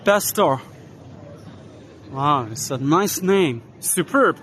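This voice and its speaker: A man with a fairly high voice talks slowly and casually while walking through a busy indoor expo hall, pausing to spell out names letter by letter. Faint hall ambience sits under his voice, picked up on a camera mic as he moves. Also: expressive, fairly bright tone, some chatter behind, a little hiss or hum. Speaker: vlogger giving an expo walking tour. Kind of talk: casual walk-and-talk narration.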